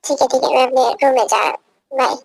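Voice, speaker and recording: A woman's voice: high-pitched, fairly even intonation, fast, vocal fry, dry recording, rough recording. Woman voicing a timid, pleading innocent young man. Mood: plaintive. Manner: pleading, plaintive. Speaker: fan dub voice actor. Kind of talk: amateur fan dub.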